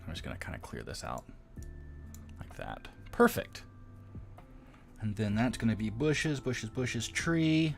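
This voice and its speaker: Set against soft background music, a man's fairly low, gravelly voice swoops wildly in pitch at a measured pace, pausing often. He's streaming himself modding a game, thinking aloud casually, making little muttered sound effects, and mocking his own errors in rambling, self-deprecating live-stream commentary.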